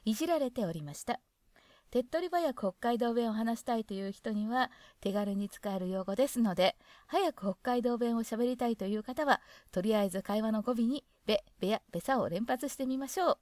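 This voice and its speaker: A woman's voice: a little high, expressive, fairly quick, darkish tone, no echo. A woman with a Hokkaido accent reading a guide on dialect aloud and adding chatty asides of her own. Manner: chatty, adds asides to the text. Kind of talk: casual reading with commentary.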